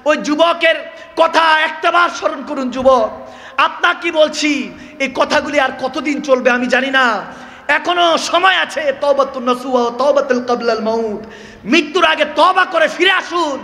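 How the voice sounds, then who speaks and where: A man's voice: very high voice, unhurried, bright, forceful tone. A man preaching an impassioned sermon, telling a story and breaking into long chanted verses and emotional cries. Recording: echoey hall with long reverb.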